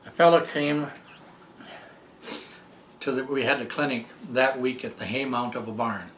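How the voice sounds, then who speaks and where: A man's voice: medium pitch, measured pace, roomy sound, slight background noise. An older man telling a heartfelt personal story in a rambling, casual way, with many fillers and restarts. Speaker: storyteller recounting personal experiences. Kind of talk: casual spoken testimony.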